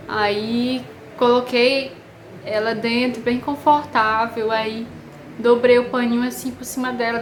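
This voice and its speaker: A woman with a Brazilian Portuguese accent, telling a personal story to camera in an emotional, halting way with many pauses. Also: fairly high pitch, slight background noise. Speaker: vlogger. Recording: echoey room with faint ambience.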